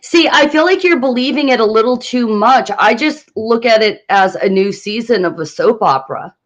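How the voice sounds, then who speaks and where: Woman, relaxed and joking, casual co-host, slightly lo-fi recording. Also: a little high, normal speed. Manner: laid-back, joking and amused. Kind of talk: casual chat.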